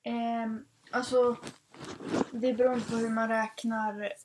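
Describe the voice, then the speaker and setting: A young woman talks casually with a friend in a rambling, filler-heavy way. Her voice sits a little high. Faint noise stays in the background. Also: flat delivery. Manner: chatty, fillers, laughs easily. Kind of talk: casual chat.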